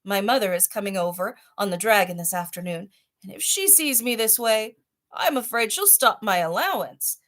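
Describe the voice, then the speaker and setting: A woman's voice: medium pitch, animated, moderate pace, fairly bright tone, natural voice. A woman voicing a vain, hot-tempered male lion in a children's storybook, with a blustering, exclamatory way of talking. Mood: fretful. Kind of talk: children's storybook read-aloud.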